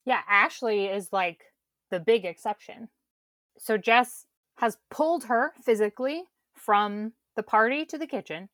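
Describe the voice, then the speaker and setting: Woman, podcast co-host, casual recap, wry, slightly high pitch, dry sound. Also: unhurried, fairly bright tone, dry recording. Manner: wry, quotes characters in mocking voices.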